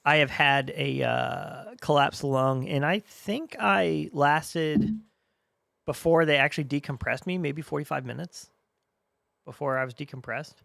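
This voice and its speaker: Animated young male co-host, dry sound. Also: a little high, measured pace, vocal fry, dry recording. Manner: animated retelling with laughs. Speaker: podcast co-host. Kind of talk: casual chat.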